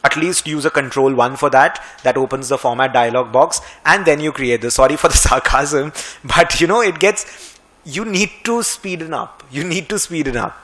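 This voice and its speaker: A man with an Indian English accent, a finance and Excel trainer talking through a screen-recorded software tutorial in a brisk, conversational way with a touch of sarcasm. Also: fairly high pitch.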